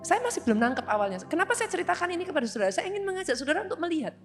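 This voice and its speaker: A woman pastor preaching a sermon in an animated storytelling way, constantly turning to address her listeners. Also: very high-pitched, very fast, faint music behind. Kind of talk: sermon with personal stories.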